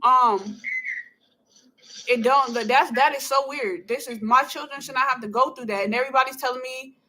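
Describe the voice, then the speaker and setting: A woman's voice: sits high, normal speed, bright, forceful tone. An upset, anxious woman, a mother on a phone call, pleading insistently and repeating herself. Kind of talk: emotional phone conversation.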